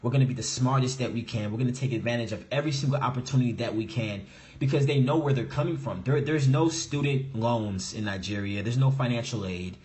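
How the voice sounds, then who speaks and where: A young man from the United States, a guest on a video call, explaining things in a relaxed way with many "you know"s. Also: mid-range voice, fast. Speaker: guest, real estate investor. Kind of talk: interview answers on a video call.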